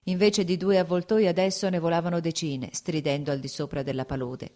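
Female audiobook narrator, lower pitch, measured and steady literary reading. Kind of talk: scripted audiobook narration of a classic novel.

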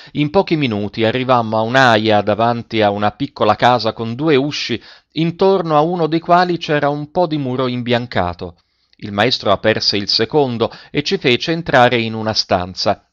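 A man narrating a storybook in a steady, measured reading. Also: mid-range voice. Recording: dull lo-fi recording.

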